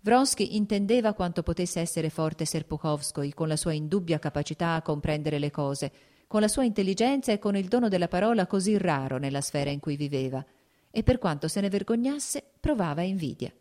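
A woman reading a novel aloud as an audiobook narrator, steady and even. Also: fairly low pitch, a little fast. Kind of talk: scripted narration.

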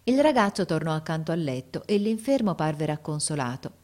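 Brief: low-pitched female narrator, measured expressive audiobook reading.

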